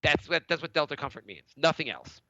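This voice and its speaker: A slightly high-voiced man talks briskly as he shares a story while co-hosting a podcast, animatedly raising his voice to play other people's parts. A cold has left him a little congested, and the muffled recording carries no room sound.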